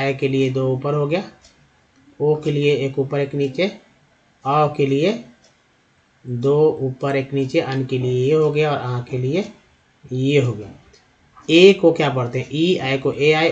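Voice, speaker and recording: A man's voice: mid-range voice, fairly even intonation, takes it slowly, darkish tone, dull audio. A man teaching how to read English words, patiently asking and answering his own questions about each vowel sound. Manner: addresses viewers as friends. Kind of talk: spoken lesson at a board.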